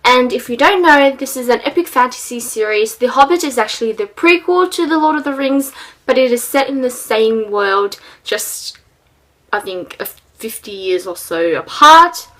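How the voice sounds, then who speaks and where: A young woman talks through a book review in a relaxed vlog style. Her voice sits a little high, and she rambles, filling pauses with ums and small laughs. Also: low-quality recording.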